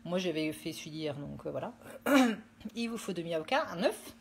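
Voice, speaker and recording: A woman runs a relaxed live cooking stream in her kitchen at home, talking to viewers via her phone and rambling with many fillers. She speaks at normal speed in a fairly low, animated voice.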